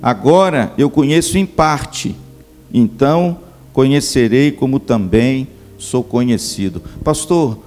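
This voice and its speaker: A man's voice: mid-range voice, lively intonation, slow pace, darkish tone, soft background music. A middle-aged male pastor preaching a sermon at a church camp, speaking to his listeners as brothers. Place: church camp meeting hall.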